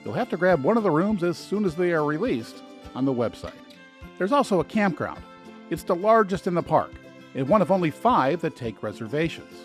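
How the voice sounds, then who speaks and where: A man's voice: fairly high pitch, very animated, a little fast. A man narrating a travel video as a guide, scripted and informative, with dry, lightly sarcastic asides. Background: soft background music.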